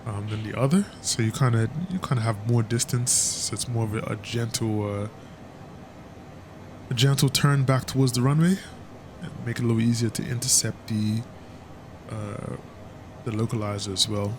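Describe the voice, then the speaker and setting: Casual male flight sim streamer, mid-pitched, rambling commentary, engine rumble behind. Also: fairly even intonation, normal speed, long pauses. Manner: chatty, stumbling with fillers.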